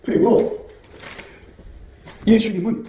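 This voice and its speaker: A man's voice: high voice, steady tone, takes it slowly, dark tone, reverberant, a little hiss or hum. A man preaching a sermon with emphasis, prodding his listeners with rhetorical questions and laughing often as he talks.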